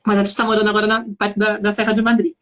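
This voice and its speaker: A woman's voice: mid-range voice, flat delivery, very fast, fairly bright tone. A woman from São Paulo with a São Paulo Brazilian accent, chatting as a guest in a reflective way and often restarting her sentences. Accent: São Paulo Brazilian Portuguese. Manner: reflective, searching for words with many restarts. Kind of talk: casual conversation.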